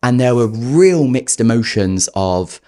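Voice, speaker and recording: A man's voice: medium pitch, measured pace. A man, a podcast guest telling his life story candidly and acting out what he once said to himself. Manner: animated, acts out his past self in quotes. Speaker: podcast guest, performance coach.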